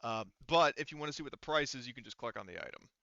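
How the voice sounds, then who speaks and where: A game master runs a tabletop roleplaying session, explaining things to players casually and with plenty of swearing. His mid-range voice is forceful, clear, and very fast, and the close-miked recording sounds very dry, slightly dull, with no echo.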